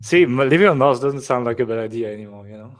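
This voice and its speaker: A man's voice: medium pitch, quick pace. Chatty French-accented man hosting a webinar. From France. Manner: chatty, joking, many fillers. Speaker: webinar host. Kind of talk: casual live webinar chat.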